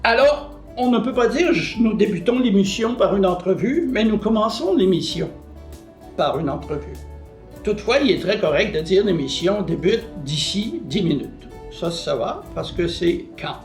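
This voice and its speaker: High-voiced man teaching usage. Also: lively intonation, moderate pace, echoey room, soft background music. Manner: didactic, gives examples and answers his own questions with "hein?". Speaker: French language columnist. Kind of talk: short language-usage lesson.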